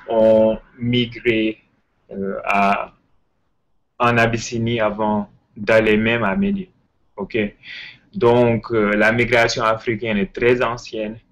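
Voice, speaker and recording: Male host, English-tinged French accent, unhurried, hesitant and eager, lower voice. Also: a bit bright, rough recording. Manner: hesitant, many fillers and repeats; enthusiastic. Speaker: history channel host. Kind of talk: casual spoken lecture. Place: Ontario, Canada.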